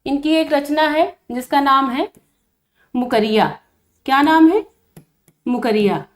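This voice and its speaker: A woman teaches an online exam-preparation lesson in a high voice. She poses each question to her students, then repeats the answer several times and stresses the key words. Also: takes it slowly.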